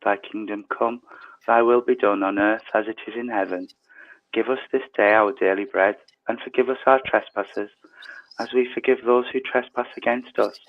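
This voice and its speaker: A man leading an online prayer service, his voice tinny through an earpiece mic, reading prayers softly and slowly. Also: on the low side, steady tone. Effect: tinny sound from a changed earpiece mic. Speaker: service leader. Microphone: earpiece headset mic. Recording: tinny phone-like online call.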